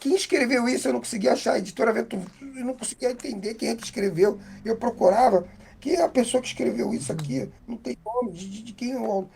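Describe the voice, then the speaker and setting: A man with a Brazilian Portuguese accent giving a heartfelt, halting faith testimony as an interview guest. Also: very high voice, creaky, a little mellow, slight background noise.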